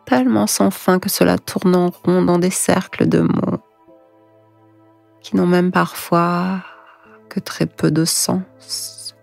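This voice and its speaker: A woman guiding sleep hypnosis in a hushed, breathy, soothing voice, slow and whispered right in the listener's ear. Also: on the low side, steady tone. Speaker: hypnosis guide. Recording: echoing voice over music. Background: music.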